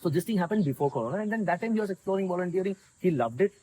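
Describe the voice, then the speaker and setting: A man's voice: sits high, animated, rapid-fire, dark tone, husky, poor audio. A man with a South Indian accent telling a story conversationally as a guest in an interview. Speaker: interview guest, volunteer community organiser.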